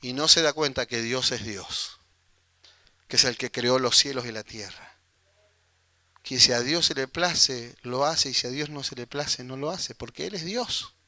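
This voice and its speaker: A man with a Rioplatense Spanish accent preaching a sermon, animated and acting out the voices of people in the story. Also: medium pitch, a little slow, dry recording. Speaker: pastor.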